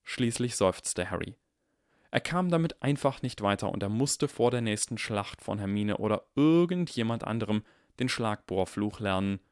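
A man narrating an audiobook in a lively, expressive, dramatic reading style. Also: on the low side, normal speed, no echo, clean studio sound. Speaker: audiobook reader.

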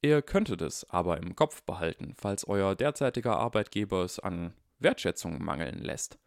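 A clever young wizard boy speaking politely and dryly, as a male narrator reads him. Low and close, with a dead, dry sound. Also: expressive, normal speed, vocal fry, no echo. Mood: calm. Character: clever, calm eleven-year-old wizard boy.

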